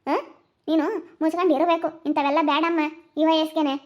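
A woman playing a sharp-tongued village mother with a rural Chitradurga Kannada accent, scolding in a rapid, shrill way. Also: flat delivery, natural voice. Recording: muffled lo-fi recording.

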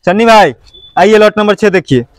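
A high-pitched, animated man at a moderate pace chants prices and calls bids repeatedly at an outdoor motorbike sale. The recording is dry, and the lot is full of parked bikes.

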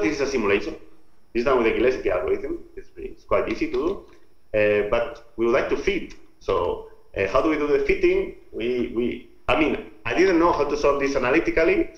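A man from Spain's Basque Country with a Basque Spanish accent, giving an informal scientific lecture in a halting, step-by-step explanatory way. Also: mid-range voice. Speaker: researcher presenting own work. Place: remote talk over video call. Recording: muffled, roomy video-call audio.

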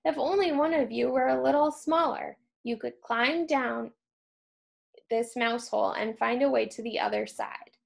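A woman's voice: on the high side, measured pace, creaky, full character voice. A woman voicing a hopeful, pleading young girl in a storybook reading.

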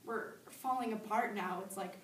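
A woman's voice: medium pitch, normal speed, natural voice. A young woman acting a grieving teenage girl in a stage monologue, pleading with God in tragic sorrow. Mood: sorrowful, pleading. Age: young adult. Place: medium-sized school classroom, indoors. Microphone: camera several metres away. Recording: echoey room, distant microphone.

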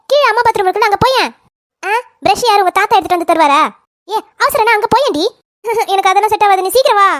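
A woman voicing two young sisters who trade loud, sharp insults in a cartoon family drama. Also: very high voice. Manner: loud, scolding.

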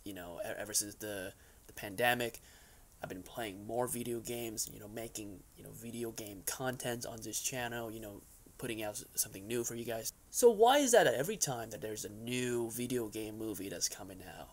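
A young adult YouTube host rambles through a casual opinion vlog in a furnished basement room, peppering his points with "right?" and "you know." His voice is on the low side and creaky.

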